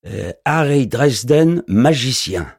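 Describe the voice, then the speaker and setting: A man's voice: medium pitch, expressive, slow pace, gravelly, a little mellow, slightly rough, pitched above the performer's own voice, exaggerated voice. A man voicing a round, bald, sunburned mailman who teases and giggles in an audiobook. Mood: mocking. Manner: teasing, chuckling, nosy questions. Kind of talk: audiobook character voice.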